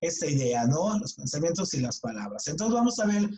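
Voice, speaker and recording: A man's voice: on the high side, sing-song, fairly quick, darkish tone, a little hiss or hum, poor audio. Chatty Mexican man teaching a class. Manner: casual, chatty, frequent restarts and repeated words. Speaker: writing workshop teacher. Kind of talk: online class lecture.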